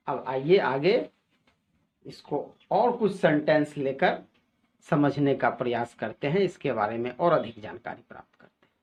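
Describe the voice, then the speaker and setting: A man teaching English grammar, explaining slowly and deliberately and spelling out example sentences. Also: mid-range voice, animated. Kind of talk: explanatory lesson in Hindi. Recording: dull lo-fi recording.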